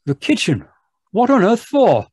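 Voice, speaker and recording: An actor playing a genial gentleman doctor, the loyal sidekick who narrates an old radio mystery. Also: sits high, huge pitch swings, unhurried, slightly rough, no echo, studio quality, exaggerated voice. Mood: puzzled.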